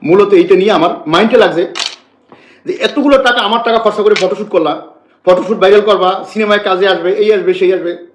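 A man's voice: high-pitched, fairly quick, roomy sound, a little hiss or hum. A man, speaking on a live stream in an agitated, repetitive, rambling way. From Bangladesh. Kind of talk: emotional live-stream complaint.

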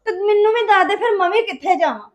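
A woman's voice: very high-pitched, animated, fast. An actress playing a bitter young wife who complains about her mother-in-law in a domestic drama. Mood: aggrieved. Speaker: daughter-in-law. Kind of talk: domestic web drama acting.

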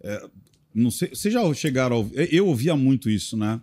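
A man in his fifties hosting a podcast, chatty and joking, with frequent stumbling restarts at a boom mic. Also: very animated, fairly quick, mellow, husky. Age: 50s. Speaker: podcast host. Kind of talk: casual podcast conversation. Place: studio room with bookshelves. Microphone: podcast mic on boom arm.

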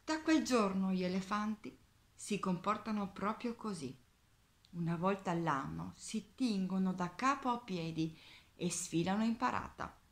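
A woman reading a children's picture book aloud, expressive and dropping to a whisper on key words. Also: medium pitch, a little slow. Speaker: children's storyteller.

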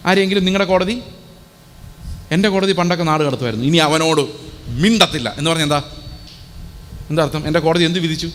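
A man's voice: fairly high pitch, quick pace, pauses often, fairly bright tone, long reverb tail, a little hiss or hum. A male pastor preaching a sermon, asking his listeners one question after another. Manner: asks the congregation many rhetorical questions.

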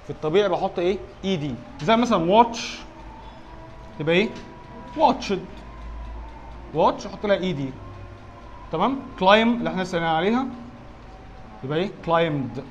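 A man's voice: high voice, lively intonation, fast, pauses often, muffled recording, a little hiss or hum. A man with an Egyptian Arabic accent teaching an exam review lesson, asking questions and answering them himself and often checking that his students follow. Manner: quizzes himself aloud, keeps checking with "alright?". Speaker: English teacher.

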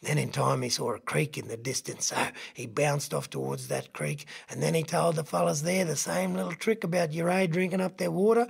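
A husky, gravelly Australian man with a slightly high voice tells a traditional story for children. He is animated and folksy, dropping low to confide and rising up for the excited parts. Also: a little fast, few pauses. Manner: animated, folksy, shifts voice for characters.

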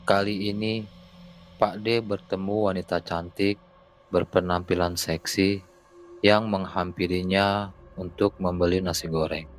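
A man narrating a horror story in a slow, measured storytelling voice. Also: deep voice, steady tone, a little hiss or hum, low-quality recording.

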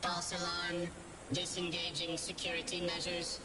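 A woman voicing a calm female security computer in a video game, giving clipped, even alert announcements. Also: on the low side, unhurried, rough recording. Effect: game security system voice.

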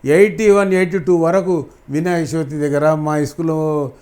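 Fervent middle-aged man, slightly high voice. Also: steady tone, normal speed, a little mellow. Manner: fervent, repeats phrases for emphasis. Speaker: actor, interview guest. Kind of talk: emotional interview answers.

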